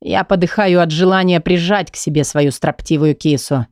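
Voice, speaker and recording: A man's voice: fairly even intonation, normal speed, no echo, studio quality. Brooding male audiobook narrator. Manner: brooding, intense, low and intimate. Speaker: audiobook reader. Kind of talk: first-person romance narration.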